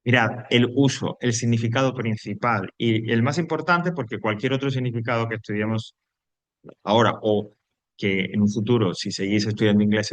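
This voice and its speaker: A man's voice: medium pitch, dry recording. A man recording an online English grammar lesson for Spanish speakers, patiently repeating each rule step by step. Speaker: English teacher.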